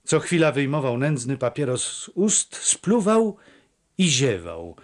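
A man reading a classic novel aloud, slowly and expressively. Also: medium pitch, wildly swooping pitch. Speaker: audiobook narrator. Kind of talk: scripted narration of a classic novel.

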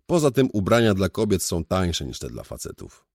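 A man reading an audiobook, voicing a crude, excitable young male friend who boasts loudly and vulgarly. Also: low-pitched, moderate pace, vocal fry, dry recording, studio quality, voice pushed up, full character voice. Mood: boastful.

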